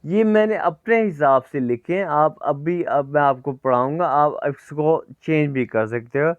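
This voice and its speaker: Slow-speaking man teaching. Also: on the high side, clean tone, no echo, phone-quality sound. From Pakistan. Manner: drills letters slowly for students to repeat, mixing in English. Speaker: German language teacher. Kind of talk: online language lesson.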